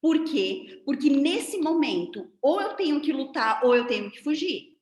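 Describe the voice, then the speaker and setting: A woman's voice: sits high, a little slow. A woman with a Brazilian Portuguese accent gives a didactic online lecture to a seminar over a video call, explaining things with hand demonstrations. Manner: didactic, animated, demonstrating with her hands. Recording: roomy echo.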